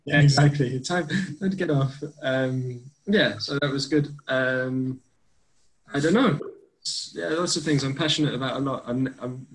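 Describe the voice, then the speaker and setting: A man's voice: medium pitch, a little slow, poor audio. Hesitant young man. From London. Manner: hesitant, with many ums and self-corrections. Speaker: group member. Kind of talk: casual self-introduction in an online group meeting. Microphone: video call.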